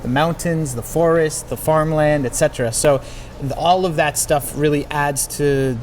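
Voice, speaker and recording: A man from New England, a chef being interviewed about his cookbook, talking in a measured, thoughtful way with frequent fillers. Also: on the high side, steady tone, darkish tone, slight background noise. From New England, United States. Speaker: chef and cookbook author, guest. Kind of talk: conversational interview.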